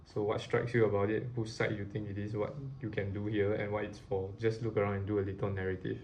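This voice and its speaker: Low-voiced man moderating a test. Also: flat delivery, fast talker, creaky, darkish tone, slight background noise. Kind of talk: reading a briefing and giving task instructions.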